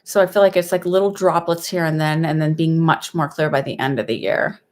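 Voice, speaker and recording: A young woman with a lisp, a whistling s and a slight cold, speaking fairly quietly and hesitantly in a casual livestream psychic reading. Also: low-pitched, fairly even intonation, a little fast. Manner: hesitant, rambling, conversational. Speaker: psychic medium host giving live readings.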